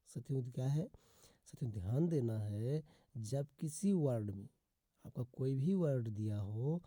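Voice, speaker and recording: In a Hindi-language phonics lesson, a man with a mid-range, dark voice teaches English pronunciation, and there is no room sound. He goes slowly and repetitively, restating rules, drawing out example words, and calling his viewers "friends" again and again.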